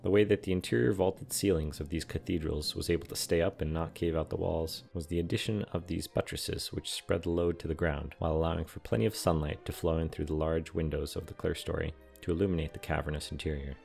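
Deep gravelly man narrating a build. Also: fast, few pauses. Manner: calm, explanatory, matter-of-fact. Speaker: scale model and terrain builder. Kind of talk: scripted voice-over narration. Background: soft background music.

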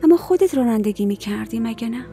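A woman's voice: on the high side, expressive, dark tone, faint music behind. Domineering middle-aged mother. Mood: suspicious. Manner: commanding, probing. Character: stern mother, domineering and suspicious. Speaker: dubbing actor. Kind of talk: dubbed TV drama dialogue.

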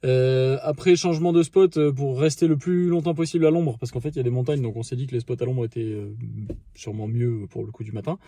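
Filmed in a parked car on an arm's-length phone, a man in his thirties excitedly recaps a fishing trip for his vlog, using slang and plenty of fillers. He has a mid-range voice and a quick pace, and the recording is dry.

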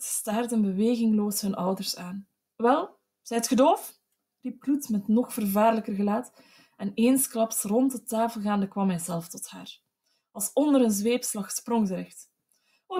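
Mellow-voiced woman reading a classic story. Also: mid-range voice, husky. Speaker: narrator. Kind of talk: audiobook reading of classic literature.

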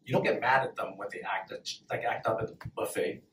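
A young comedian speaks a little fast in a fairly low, fairly bright voice, doing a brash, profane open-mic set in a small comedy club. He laughs between punchlines while the audience laughs. He uses a handheld mic, but the recording was made from far back in the room, so it sounds roomy and distant, with slight background noise.

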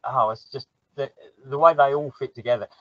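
A man's voice: medium pitch, brisk, a bit bright, dry recording. Casual South London man, rambling and good-humoured; dry, slightly muffled audio. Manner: chatty, laughs easily, trails off and restarts. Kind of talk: casual chat.

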